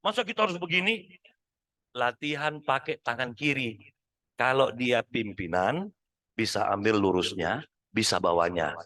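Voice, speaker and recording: A man giving a lively motivational talk at a midday mosque study session, showing off different ways of using the voice and often addressing the men as "Pak.". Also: medium pitch, unhurried, long pauses.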